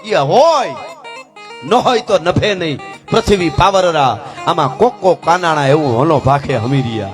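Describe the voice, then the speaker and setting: A man telling a folk tale in a lively, conversational way, full of jokes and asides to the audience. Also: fairly high pitch, a little slow, soft background music. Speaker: folk storyteller. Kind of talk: folk storytelling to a live audience.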